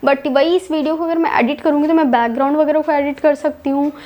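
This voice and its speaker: A young woman with a high voice tells her own story in a casual, chatty vlog. She talks in loose, repeating phrases and drops English words in as she goes. An indignant edge runs through her telling. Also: steady tone, fast, darkish tone. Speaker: vlogger.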